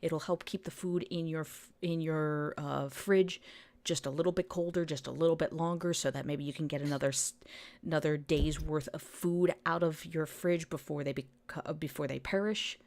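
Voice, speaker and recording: A woman on a casual podcast explains what to do in a storm, her voice sitting very low. She stumbles into restarts often but keeps going. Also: steady tone, moderate pace, darkish tone. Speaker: podcast co-host.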